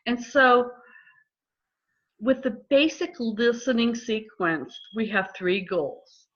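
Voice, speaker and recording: Calm middle-aged woman counselor, dull audio. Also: a little high. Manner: calm, measured explaining. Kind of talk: instructive conversation.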